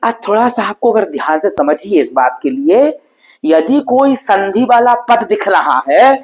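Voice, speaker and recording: A man's voice: high voice, sing-song, rough recording. Patient man teaching at a board. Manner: patient, repetitive explaining with frequent "है ना?" check-ins; stretches out and sounds out example words slowly. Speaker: Sanskrit teacher. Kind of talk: exam-prep lesson explaining grammar at a board.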